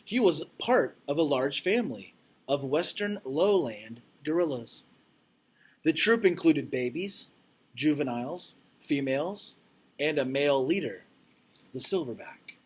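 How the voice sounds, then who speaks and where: Reading a picture book to children in a teacherly way, this man is expressive and deliberate, adding informal explanatory asides. His voice sits a little high with a breathy edge.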